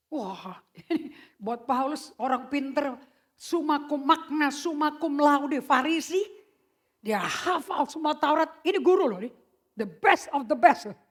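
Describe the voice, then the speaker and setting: A woman preaching a sermon in a casual, slangy way, mixing in English phrases and swinging from loud shouts to hushed whispers. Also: high voice, expressive, a little slow, pauses often, husky. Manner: mixes English phrases into her speech; casual slangy emphatic delivery.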